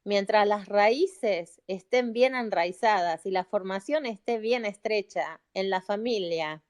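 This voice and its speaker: A woman's voice: mid-range voice, slow. A middle-aged woman with an Argentine Spanish accent, a psychologist making a heartfelt, pleading appeal to listeners on a live audio chat, repeating phrases for emphasis. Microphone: phone or computer mic in a live audio room.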